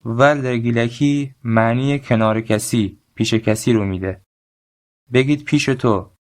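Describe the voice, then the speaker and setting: Man slowly drilling language lesson phrases. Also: medium pitch. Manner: slow, deliberate drill phrases; explains grammar then prompts learners to repeat. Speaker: language teacher. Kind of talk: recorded language lesson with repeat-after-me drills.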